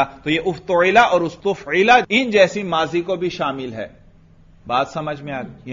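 A man's voice: a little high, a bit bright, muffled recording. A man from Pakistan with a Pakistani Urdu accent, giving a classroom lecture on Arabic grammar, reciting Arabic terms and asking his students questions. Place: religious school classroom.

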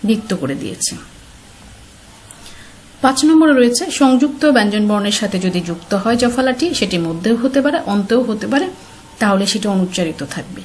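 A woman teacher giving a slide-based pronunciation lesson, speaking clearly and patiently and putting questions straight to her students. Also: medium pitch, animated, brisk, slight background noise.

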